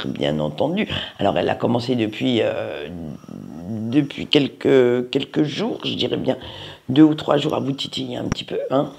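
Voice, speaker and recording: Card reader, weekly tarot reading, chatty and playful, speaks straight to viewers, lively swooping pitch, husky. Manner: talks straight to viewers, peppering lines with "hein"; playful, chatty, searches for words aloud.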